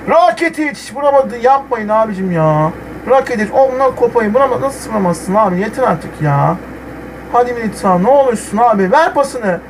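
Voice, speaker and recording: A young man playing a football video game, commenting live and swinging from muttering to yelling at the players. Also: very high voice, slight background noise, rough recording. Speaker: gamer.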